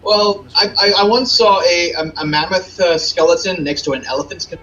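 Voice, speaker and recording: A man's voice: high voice, normal speed, bright, forceful tone, a little hiss or hum, low-quality recording. A man co-hosting a casual movie commentary, giving dry play-by-play remarks with some stammering. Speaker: co-host.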